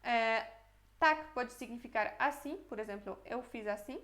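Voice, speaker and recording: A woman's voice: fairly high pitch, unhurried, a bit bright. Woman teaching a casual language lesson. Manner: friendly explaining, checks in with "ok?" often.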